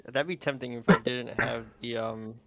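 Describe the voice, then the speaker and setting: A man's voice: medium pitch, steady tone, moderate pace, gravelly, a bit bright. A man co-playing on a stream, chatting easily and swearing casually. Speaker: stream co-player. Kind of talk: casual chat while gaming on stream.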